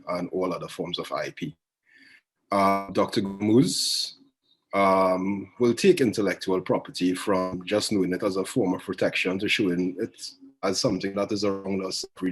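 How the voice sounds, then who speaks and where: Male event host, low-pitched and rough-edged, formal, with halting, measured phrasing. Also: low-quality recording. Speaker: host introducing a speaker.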